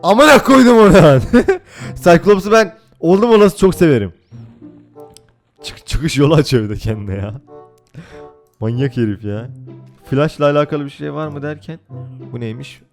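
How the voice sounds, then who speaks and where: Excitable young gaming commentator man. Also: fairly high pitch, moderate pace, long pauses, faint music behind. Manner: excitable, swears a lot, laughs often. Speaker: gaming YouTuber. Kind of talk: casual gameplay commentary.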